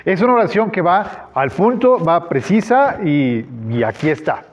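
A man preaches a sermon as pastor in a relaxed conversational way, filling pauses and acting out the quoted lines. His voice sits a little high. The recording is dull and lo-fi.

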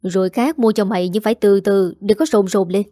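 A frustrated young husband, talking back irritably and fast, as a woman reading a story voices him. The voice is mellow and dry. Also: medium pitch, fairly even intonation, no room sound, natural voice. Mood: defensive. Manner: defensive, irritable.

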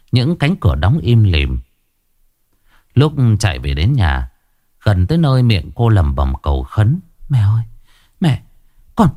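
A man narrating a horror story in a dramatic, measured way. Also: lowish voice, darkish tone.

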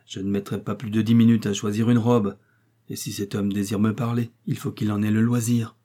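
A man voicing a shaken innkeeper woman who speaks low and hoarse, in an audiobook reading. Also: level tone, a little fast, dark tone, close to an everyday voice. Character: shaken older innkeeper woman, normally forceful.

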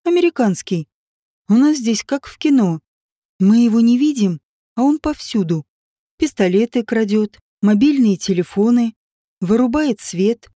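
A woman's voice: fairly high pitch, expressive, unhurried, dark tone, dry recording, clean studio sound. A woman voicing a blunt, teasing former cop who pushes a rich woman to divorce, read in an audiobook. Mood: coaxing. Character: man, a brash ex-cop wooing a rich woman. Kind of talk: audiobook character reading.

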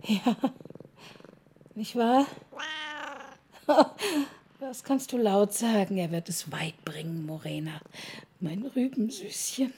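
A woman's voice: fairly high pitch, very slow, long pauses, dark tone, slight background noise. An actress playing a frail elderly woman who whispers fondly to her cat in a radio drama. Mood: tender.

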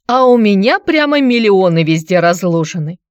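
A woman's voice: sing-song, moderate pace, no room sound, dull audio, natural voice. A woman voicing a quarrelsome, hard-drinking woman who answers in a snappish, sarcastic way. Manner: snappish, sarcastic, shrill when riled.

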